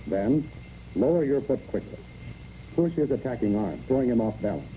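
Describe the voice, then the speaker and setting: On a muffled old film recording, a man narrates a training film from a script, using clipped, imperative phrases. His medium-pitched voice is mellow and sing-song at a normal speed, with slight background noise.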